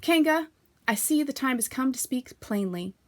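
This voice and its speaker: A woman voicing a small, timid male piglet who squeaks and protests loudly, in a storybook reading. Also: expressive, moderate pace. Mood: indignant.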